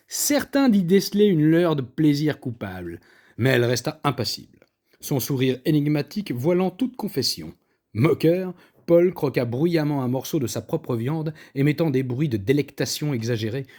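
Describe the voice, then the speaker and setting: A man narrating a comic story in a lively, theatrical storybook reading. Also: mid-range voice, normal speed.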